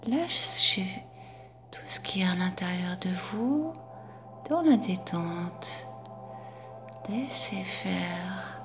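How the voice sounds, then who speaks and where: A woman guiding a hypnosis session, speaking softly in a drawn-out half-whisper. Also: mid-range voice, expressive, music in the background.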